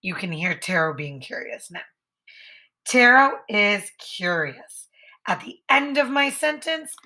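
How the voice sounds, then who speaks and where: A woman teacher modeling writing for young children, thinking aloud patiently and slowly stretching each word into its sounds. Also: medium pitch, sharp tone.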